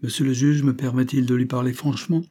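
Un homme qui prête sa voix, dans un livre audio, à un agent de police franc et enthousiaste, au ton ardent et sincère. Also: male voice, mid-range voice, level tone, fast talker, mellow, pitched above the performer's own voice, close to an everyday voice. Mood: earnest, eager. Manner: frank, enthusiastic, earnest. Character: eager, outspoken male police agent. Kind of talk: audiobook character reading.

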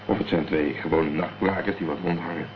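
In an old Dutch radio crime drama, a man plays a cool, determined amateur investigator, speaking tersely and matter-of-factly in a wary, calm mood. His low voice, lightly acted, keeps a fairly even intonation at a slightly fast pace. The recording is dull and noisy.

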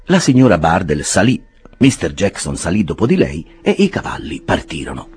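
A man reading a classic novel aloud in an expressive, theatrical way. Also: deep voice, slightly rough. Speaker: audiobook reader. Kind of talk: scripted narration.

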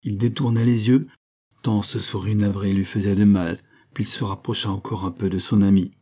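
A man narrating a novel aloud in a measured, even storytelling manner. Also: on the low side. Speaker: audiobook reader. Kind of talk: scripted narration.

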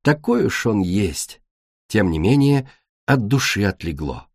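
A man reading a children's fantasy audiobook in an expressive manner. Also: lowish voice, measured pace, breathy edge, no echo, studio quality. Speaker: audiobook narrator.

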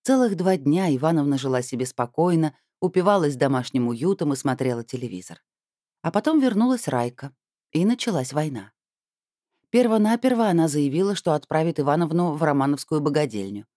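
A woman's voice: low voice, animated, fairly quick, mellow, no room sound, clean studio sound. A woman narrating a first-person novel in a wry, conversational storytelling manner. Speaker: audiobook narrator.

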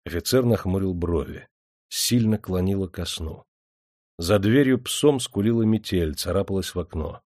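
A man narrating an audiobook in a steady, even storytelling manner. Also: low voice, normal speed, no echo, studio quality. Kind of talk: scripted narration.

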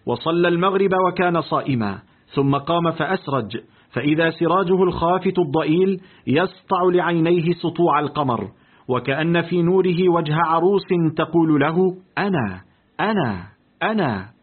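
A man narrating a literary audiobook in a deliberate, expressive reading. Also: a little high. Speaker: audiobook reader. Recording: tinny, lo-fi phone-like audio.

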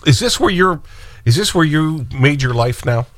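A man's voice: a little high, lively intonation, moderate pace, dry recording. A man hosting a radio show, needling and joking with his guest. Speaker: radio talk show host. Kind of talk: radio interview, banter. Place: radio studio.

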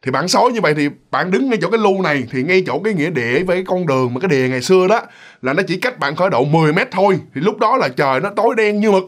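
A man's voice: high-pitched, expressive, racing. A man with a Mekong Delta accent telling a ghost story in a chatty, loose, repetitive way, speaking directly to his listeners. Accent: Southern Vietnamese, Mekong Delta. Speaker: storyteller, channel host. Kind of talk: casual ghost story narration.

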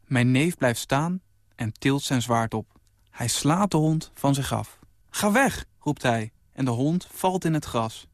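A man in his twenties reading his own short story aloud on radio, in a calm and even storytelling voice. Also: mid-range voice, measured pace, no room sound, studio quality. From Netherlands. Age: 20s.

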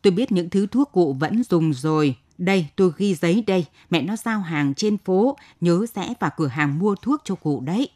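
A woman's voice: on the low side, lively intonation, normal speed, hardly any pauses, a little mellow. A woman voicing a stubborn, proud older village man who gives blunt orders. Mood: instructing. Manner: blunt, commanding.

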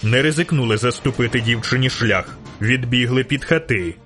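A man reading a fantasy novel aloud as audiobook narrator, with measured, dramatic storytelling. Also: mid-range voice, a bit bright, faint music behind. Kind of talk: scripted narration.

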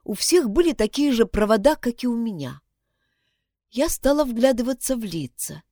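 A woman reading a first-person story aloud, with expressive storytelling. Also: on the high side, moderate pace, dry recording, studio quality. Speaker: narrator. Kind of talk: first-person audiobook narration.

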